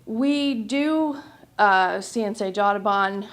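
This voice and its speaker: A woman wildlife biologist giving polite, measured public comment at a city meeting. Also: mid-range voice. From United States.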